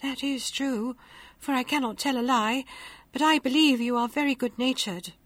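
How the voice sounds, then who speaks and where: A woman voicing a brave, gentle young heroine who speaks softly and earnestly. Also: high-pitched, moderate pace, no echo.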